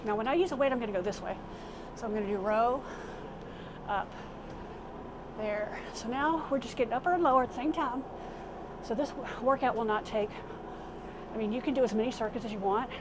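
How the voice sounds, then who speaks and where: Higher-voiced woman coaching a workout, noisy background. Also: fairly quick, long pauses. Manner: informal, instructing while exercising. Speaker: fitness instructor. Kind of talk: casual workout demonstration. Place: inside a small RV. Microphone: camera a few steps away. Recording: clearly noisy vehicle interior sound.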